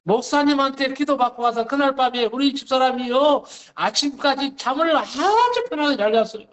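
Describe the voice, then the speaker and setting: A male pastor preaching a Wednesday service sermon, telling a story with lively acted-out dialogue. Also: very high-pitched, moderate pace. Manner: animated storytelling, acts out dialogue. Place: church sanctuary.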